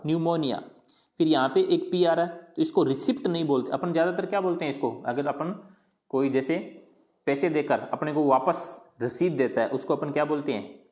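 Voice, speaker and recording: A teacher gives a patient, colloquial pronunciation lesson, asking a question, answering it, and drilling each word several times over. The voice is mid-range and a little mellow, suited to this explanatory style.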